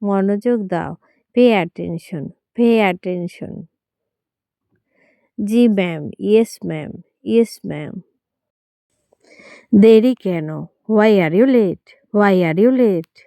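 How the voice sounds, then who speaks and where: A woman leading English phrase drills for learners. She says each line in Bengali, then repeats it slowly in English. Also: medium pitch, mellow, clear, resonant tone, dry recording. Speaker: English teacher.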